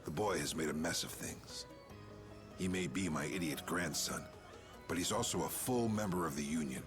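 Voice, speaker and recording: Male actor as gruff old boss, video game drama: deep, gravelly, stoic, folksy, music underneath. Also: moderate pace, lightly acted. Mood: grave, resolute. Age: older. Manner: blunt, folksy, weighty. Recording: game audio with loud music.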